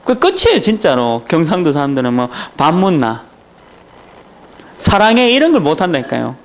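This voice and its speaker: A man's voice: on the high side, wildly swooping pitch, normal speed. A man pastor from Daegu with a Gyeongsang accent, preaching a sermon at a church training session in a joking, storytelling way with chuckles. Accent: Daegu Gyeongsang dialect. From Daegu, South Korea.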